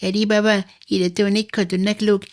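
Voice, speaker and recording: A woman's voice: mid-range voice, level tone, fairly quick, lightly acted. A woman voicing a cheeky little boy. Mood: whiny. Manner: whiny, childish. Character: small boy, cheeky and spirited.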